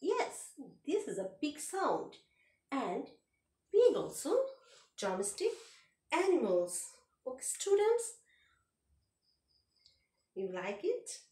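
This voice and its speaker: Lively high-pitched teacher. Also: female voice, roomy sound, far from the mic. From Bangladesh. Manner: slow, sing-song teacher voice, mimics animal sounds. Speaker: kindergarten teacher. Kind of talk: online class lesson for young children.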